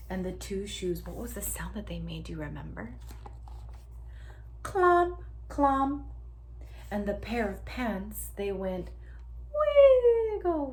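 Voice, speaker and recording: A woman of medium pitch, working as a teacher, brings a picture book to life for young children. She draws out the sound words and invites them to participate, and there is some background noise.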